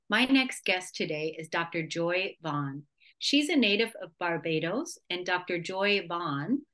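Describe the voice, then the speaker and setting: Woman, radio interview host, effusive, enthusiastic, fairly low voice. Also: a bit bright. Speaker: radio talk show host. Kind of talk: hosting an interview.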